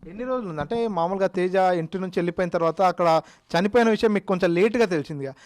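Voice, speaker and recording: A female reporter asking steady, probing questions in a news interview. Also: lowish voice, very fast. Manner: steady questioning with brief acknowledgments.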